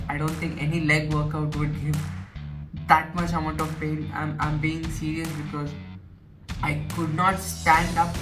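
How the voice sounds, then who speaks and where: Earnest nineteen-year-old Indian-accented man. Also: fairly high pitch. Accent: Indian English. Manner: earnest, retelling, repeats himself. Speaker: vlogger. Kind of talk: personal vlog recap. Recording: distant mic with music behind. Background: background music.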